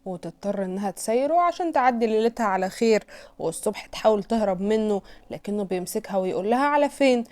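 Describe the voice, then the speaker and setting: A woman with an Egyptian Arabic accent narrating a drama recap in a brisk, chatty way. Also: mid-range voice, warm tone.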